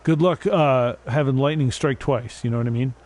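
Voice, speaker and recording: A young man chats casually on a gaming stream through a desk mic, rambling, poking fun at himself, and sometimes bursting into silly improvised songs. His voice is mid-range and a little mellow, at a normal speed.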